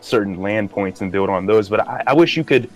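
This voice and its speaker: A man co-hosting a podcast in casual gaming chat, halting and repeating words as he goes. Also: fairly low pitch, faint music behind, low-quality recording. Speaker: podcast co-host.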